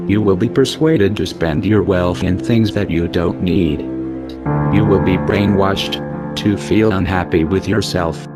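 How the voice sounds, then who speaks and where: A man narrating a scripted warning message in a grave, ominous tone through a disguised, pitch-lowered voice, speaking straight to the listener. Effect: disguised, pitch-lowered deep voice. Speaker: anonymous narrator. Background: music.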